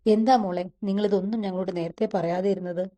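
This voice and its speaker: A woman's voice: medium pitch, steady tone, a little fast, dark tone, highs cut off, close to an everyday voice. A woman voicing a protective young man who speaks to his sister in an anxious, reassuring way, in a storybook reading. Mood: worried, reassuring. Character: protective young man, caring older-brother type.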